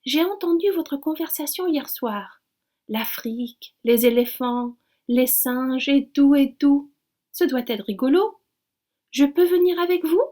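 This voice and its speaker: A woman's voice: sits high, a little slow, mellow, pitched above the performer's own voice. A woman voicing an eager, chatty young female frog in a storybook reading.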